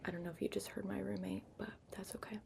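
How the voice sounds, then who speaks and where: A woman giving an unhurried ASMR ramble in a hushed whisper and soft voice, recorded up close on a laptop microphone. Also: mid-range voice, little pitch movement. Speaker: ASMR vlogger. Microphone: built-in laptop microphone, up close. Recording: lo-fi laptop microphone, clear background noise. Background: tapping and keyboard-like scratching sounds.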